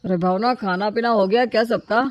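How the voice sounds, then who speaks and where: A woman voicing an indignant, lonely widowed man in an animated storybook, complaining about being neglected. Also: mid-range voice, a little fast, dry recording, lo-fi sound, close to an everyday voice. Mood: weary. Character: aggrieved lonely widowed elder brother-in-law, man.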